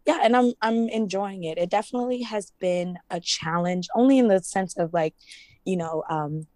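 A woman's voice: mid-range voice, normal speed, darkish tone, no room sound. A young woman from Ghana, raised in the US, talking casually as a student representative, with many fillers. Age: young adult. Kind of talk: casual interview.

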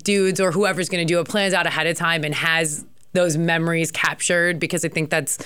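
A woman with a bright, smooth voice hosts a casual podcast chat. She prompts her guest along and reacts with enthusiasm. Her pitch sits a little low for a woman. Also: steady tone, fairly quick. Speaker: podcast host.

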